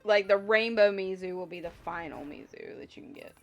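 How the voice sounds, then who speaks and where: Over background music, a woman hosts a casual livestream in a brisk, mid-range voice. She rambles to viewers, thinking aloud, and sounds slightly congested, with a cough that lingers.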